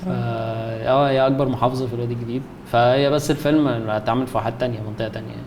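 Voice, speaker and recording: Background noise sits behind this guest, a twenties-aged Egyptian man who works as a concept artist. His mid-range voice has fairly even intonation and comes out rapid-fire in casual chat. He hesitates, restarts often and fills gaps with many fillers.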